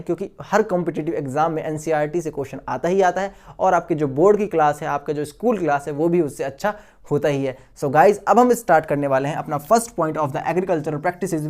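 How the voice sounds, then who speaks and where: A man's voice: a little high, darkish tone. A man giving a recorded science lecture to school students. He keeps asking questions and answering them himself, and repeats the key terms. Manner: addresses students as friends and guys. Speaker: science teacher.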